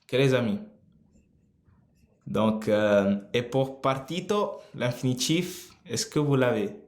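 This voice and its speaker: A man teaching grammar in a live online lesson, explaining slowly with many pauses. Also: medium pitch. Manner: slow, drawn-out explaining with frequent pauses. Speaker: Italian teacher. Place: room, typing on a keyboard. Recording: roomy echo.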